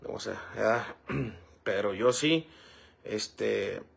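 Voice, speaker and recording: Gravelly husky man chatting. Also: fairly low pitch, extremely slow. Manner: rambling, fillers like "este" and "¿verdad?". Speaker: livestream host reading comments. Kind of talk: casual livestream chat.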